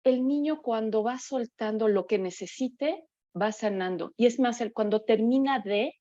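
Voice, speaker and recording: A woman's voice: fairly high pitch, a little slow, warm tone, dry recording. A woman giving a workshop talk on grief, conversational, with frequent fillers and tag questions. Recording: dull, dry sound.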